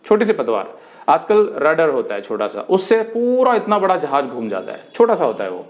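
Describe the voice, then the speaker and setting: एक अधेड़ उम्र का पुरुष बाइबल शिक्षक, जो प्रवचन के अंदाज़ में सिखाता है और कहानियों के पात्रों की बातें अभिनय करके सुनाता है।. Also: male voice, a little high, moderate pace. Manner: animated storytelling, acts out quoted speakers. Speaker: Bible teacher. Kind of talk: sermon-style Bible study.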